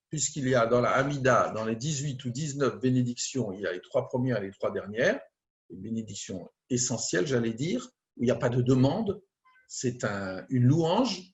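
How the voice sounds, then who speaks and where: A man, a rabbi, teaching a prayer text in a slow, deliberate way, reading Hebrew phrases and translating them one by one. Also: medium pitch.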